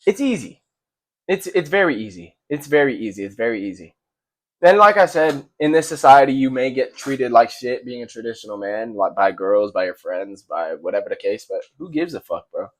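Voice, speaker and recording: A young man giving a casual motivational monologue, blunt and profane, full of slang and repeated phrases, sometimes stumbling over his words. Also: mid-range voice. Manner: slangy, calls listeners bro. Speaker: self-improvement vlogger.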